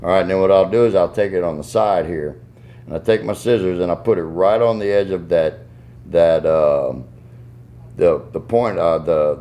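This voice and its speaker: Speaking in a low, dark-toned voice, a man with a Southern US accent demonstrates how to tune a goose call he made, walking through it in a relaxed, folksy, hands-on way.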